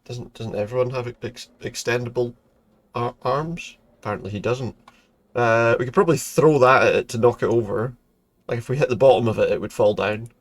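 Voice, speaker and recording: A man's voice: medium pitch, fairly quick. A man giving casual, joking commentary as he plays a video game, dryly repeating lines back. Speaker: gamer commentator. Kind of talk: casual let's play commentary.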